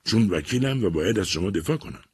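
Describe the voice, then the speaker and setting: An insistent, patient army captain defending a client, as a narrator puts him on in a storybook reading. His voice is very deep and breathy-husky, and he presses each question firmly. The recording is close and dry. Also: expressive, darkish tone, dry recording, full character voice. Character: persistent male army captain and defense lawyer.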